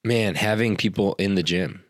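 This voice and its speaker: A man's voice: on the low side, normal speed, dry recording, studio quality. A man co-hosting a podcast, a fitness coach chatting casually with plenty of fillers and restarts. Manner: rambling, many fillers and restarts. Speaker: podcast co-host. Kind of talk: casual chat.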